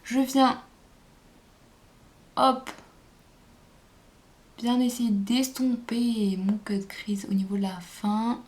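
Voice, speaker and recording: A woman's voice: a little high, little pitch movement, extremely slow, long pauses, darkish tone. A woman vlogger chatting casually through a makeup tutorial, hesitant and thinking aloud as she goes. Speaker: beauty vlogger.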